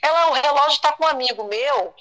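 High bright woman, middle aged, retelling a scary story, lots of restarts and repeats. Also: fairly quick, low-quality recording. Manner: distressed, repeats and restarts, quotes others. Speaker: guest telling her story. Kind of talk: emotional personal storytelling.

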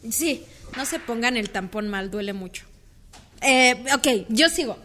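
Brief: young Mexican woman co-host, high bright voice, rambling slangy anecdotes. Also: animated, measured pace. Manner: rambling, slangy, peppered with "güey". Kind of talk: casual chat, storytelling.

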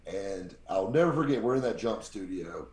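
Speaking at normal speed, a radio show host guesting on a podcast spins casual stories in his very deep voice. He livens them up by mimicking the characters' voices, and the room echoes around him.

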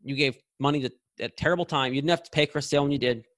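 A man in his late twenties speaks in a casual podcast chat, laying out blunt, opinionated arguments. His voice sits at a middle pitch and sounds dry and close, with no room echo. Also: rapid-fire, a bit bright. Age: 20s. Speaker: podcast co-host.

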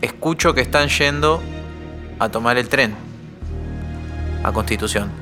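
A young man with an Argentine Rioplatense accent, telling a personal anecdote on a podcast in an animated way. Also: medium pitch, measured pace, music in the background. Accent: Argentine Rioplatense Spanish. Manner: animated, acts out quoted voices with shouts. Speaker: guest storyteller.

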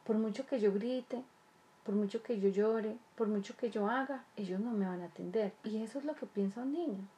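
A woman with a dark, mid-range voice talks to parents at a moderate pace, explaining how to raise children. As a child development speaker, she sounds earnest, often repeating phrases and asking rhetorical questions.

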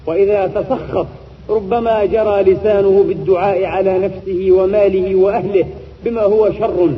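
A man delivering a solemn, measured sermon as a preacher, in formal Standard Arabic. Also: sits high. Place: large reverberant hall. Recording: dull lo-fi sound, long hall reverb.

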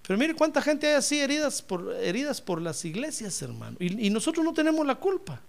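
A man's voice: very high voice, big pitch swings, a little fast, vocal fry. A man preaching a sermon, speaking emphatically and often calling his listener brother.

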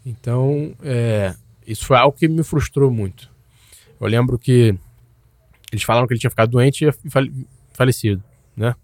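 A man's voice: mid-range voice, moderate pace, pauses often, dry recording, studio quality. Slangy young man telling his story. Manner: loose, slangy, many restarts and tags. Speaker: guest. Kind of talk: candid personal storytelling.

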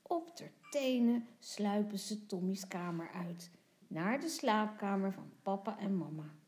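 A woman teacher reading a children's picture book aloud, softly and sometimes in a hush. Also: medium pitch, animated, measured pace. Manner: soft, hushed at times.

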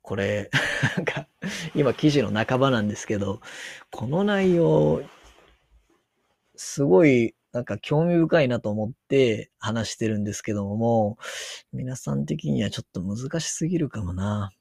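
Man, Kansai accent, mid-range voice, relaxed solo commentary on an article, thinks aloud, dry close mic. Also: mid-range voice, moderate pace, creaky, dry recording. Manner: musing aloud, reads passages out. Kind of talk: casual commentary on a news article.

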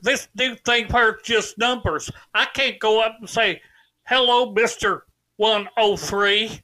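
A man playing a dim-witted, earnest rural brother who talks in a slow, ungrammatical backwoods drawl. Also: sits high, steady tone, bright, forceful tone, poor audio.

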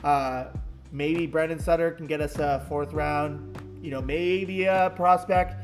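Chatty man, slightly high voice. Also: fairly even intonation, measured pace, soft background music. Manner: chatty, talks in long runs with restarts and fillers. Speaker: podcast co-host. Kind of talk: casual sports podcast chat.

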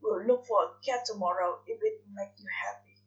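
A woman voicing a sulky, sarcastic male demon, speaking low and dry. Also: normal speed, lightly acted. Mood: resigned. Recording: dull lo-fi recording.

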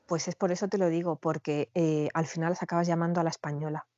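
Lively woman chatting, dull dry sound. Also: low-pitched, fast talker, no room sound. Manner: animated storyteller, acts out quoted dialogue. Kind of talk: casual chat. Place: Spain, back from living in France.

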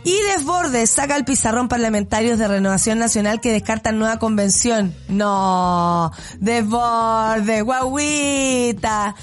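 A woman's voice: a little high, brisk, hardly any pauses, soft background music. A woman with a Chilean accent hosting a radio show, giving blunt, sarcastic commentary and laughing often. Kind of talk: casual opinionated radio commentary.

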